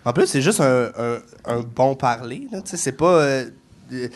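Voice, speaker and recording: A man's voice: mid-range voice, animated, unhurried. A man, trading teasing banter and laughing a lot in a casual podcast chat. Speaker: comedian guest.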